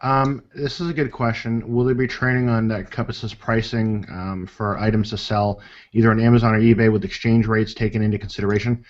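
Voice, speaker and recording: Male co-presenter, slightly deep, informal Q&A delivery, dull video call audio. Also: flat delivery, fairly quick. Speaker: co-presenter answering members' questions. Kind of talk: casual question-and-answer.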